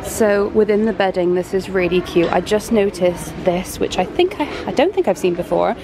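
Chatty British woman with a gravelly voice. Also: mid-range voice, expressive, normal speed. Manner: chatty, enthusiastic about bargains. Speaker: home shopping vlogger. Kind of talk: casual shop-with-me narration. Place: large indoor homeware store. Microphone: handheld camera. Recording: noisy store ambience.

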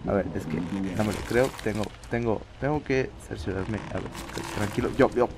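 A man's voice: lowish voice, normal speed, background noise. A man playing a horror video game at home at night, nervous and jumpy, laughing from nerves and repeating his words. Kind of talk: nervous let's-play commentary.

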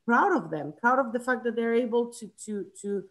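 A woman's voice: fairly high pitch, animated, normal speed, fairly bright tone, rough recording. A woman in her thirties from Chile, leading a book club discussion over a video call from home, thinking aloud with frequent restarts. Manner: thoughtful, restarts often, gestures while talking. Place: home room, indoors. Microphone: video call webcam.

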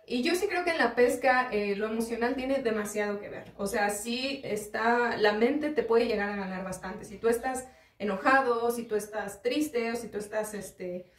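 A Mexican woman host talks viewers through a clip in an easy, explanatory way. Her voice sits fairly high, with frequent little tags like "¿no?" and "este". The sound is roomy and distant, as if the mic is across the room. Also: moderate pace. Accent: Mexican Spanish. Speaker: fishing channel host. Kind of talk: casual commentary on a video clip. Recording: roomy echo, voice set back from the mic.

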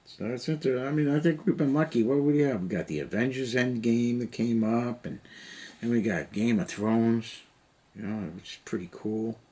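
A middle-aged hobby vlogger rambles casually while painting miniatures in his cluttered basement hobby room, talking to a camera on the table nearby. His mid-range voice is warm and moves at a normal pace, with plenty of "you know."

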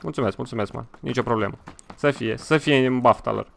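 A man from Romania streaming a game live, excitable and swearing freely as he thanks donors between fights. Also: medium pitch, vocal fry. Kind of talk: live gameplay stream commentary.

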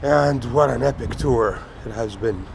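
A man with a croaky morning voice, talking casually to camera about his motorcycle trip. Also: medium pitch, unhurried. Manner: relaxed, enthusiastic about his bike. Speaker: motorcycle vlogger. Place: outdoors by a road with traffic. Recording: noisy outdoor street recording. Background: traffic and street noise.

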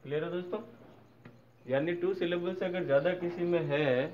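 A man's voice: high voice, moderate pace. Man teaching English grammar, dull recording. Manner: checks in with viewers often; spells out word endings letter by letter. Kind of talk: explaining grammar lesson. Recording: slightly dull recording with faint noise.

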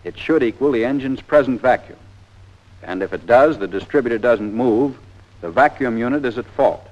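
Speaking at a normal pace, an American man with a mid-range, slightly dark voice narrates a scripted 1940s training film. He sounds like a plain-spoken, methodical, folksy instructor, and the old soundtrack is dull and band-limited.

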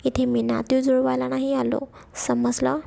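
A woman voicing a rough hired male kidnapper who gives curt, bossy orders in an audio story. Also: high-pitched, level tone, a little slow, mellow, full character voice. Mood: harsh.

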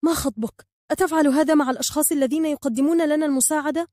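A woman's voice: a little high, fairly even intonation, racing, no echo, studio quality, close to an everyday voice. A woman voicing a stern, hot-tempered young male hero who speaks sharply and gives orders. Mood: angry. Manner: sharp and commanding.

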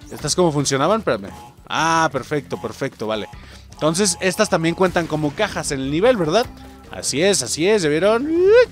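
A young Mexican man giving chatty, excitable commentary while playing a game and calling out to his viewers. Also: on the high side. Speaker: gaming YouTuber. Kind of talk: let's play commentary.

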